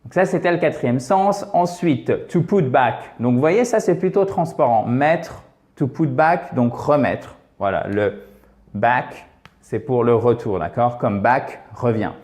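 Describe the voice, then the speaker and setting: A man's voice: mid-range voice, a little slow, a little mellow. Patient man teaching English in French. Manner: explanatory, patient, checks in with "d'accord". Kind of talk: French-language English lesson.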